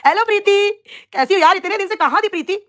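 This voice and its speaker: A woman's voice: very high-pitched, fast talker, fairly bright tone. A young woman chatting on a live stream, teasing and mocking rivals while talking to her viewers. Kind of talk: casual live stream chat.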